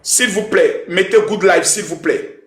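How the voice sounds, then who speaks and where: High-voiced, emphatic male live-stream host. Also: measured pace, echoey room. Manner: emphatic, loud calls to viewers, repeats chants. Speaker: livestream host. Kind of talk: hyped live-stream talk.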